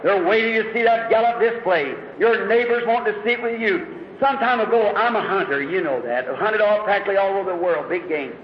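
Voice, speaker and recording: A man preaching a sermon, telling stories dramatically and rising to shouts. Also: high voice. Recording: echoey hall, dull lo-fi recording.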